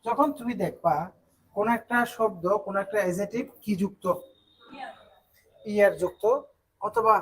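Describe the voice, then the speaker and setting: A teacher from Bangladesh giving an online English grammar lesson, explaining step by step and asking quick check questions. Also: mid-range voice, breathy edge, rough recording.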